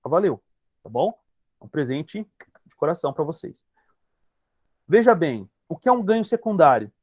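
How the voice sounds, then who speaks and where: A man with a Brazilian Portuguese accent talks through a lesson for an online group session, pitched fairly high. The sound is dry and close, as on a video call. He is emphatic and keeps addressing his listeners directly. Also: sing-song, normal speed, no room sound, lo-fi sound. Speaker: hypnotherapist.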